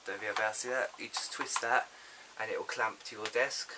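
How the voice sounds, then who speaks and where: Man over loud microphone hiss. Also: on the low side, steady tone. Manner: informal, halting, thinking aloud. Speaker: product unboxing presenter. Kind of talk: casual unscripted vlog chat. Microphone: built-in camera microphone. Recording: loud hiss, clicks, built-in camera mic.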